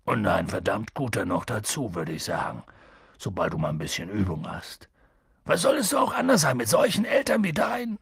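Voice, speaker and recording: Hagrid, a man voicing a booming gruff giant. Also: very animated, normal speed, no echo, studio quality, full character voice. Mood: earnest. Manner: swings from hushed whispers to booming shouts. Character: huge gruff male giant, loud-tempered and kind. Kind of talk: audiobook reading.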